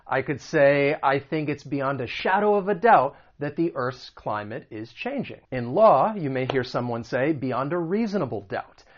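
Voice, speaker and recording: American man teaching pronunciation, lo-fi sound. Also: on the high side. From United States. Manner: patient, repeats and slows down example phrases. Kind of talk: explaining and demonstrating pronunciation.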